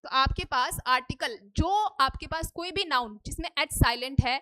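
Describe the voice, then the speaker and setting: तेज़ ऊँची आवाज़ वाली शिक्षिका. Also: female voice, high voice, normal speed, sharp tone. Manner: asks students questions and answers them herself, repeats "ठीक है?". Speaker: English teacher. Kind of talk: Hindi-English grammar lesson. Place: classroom.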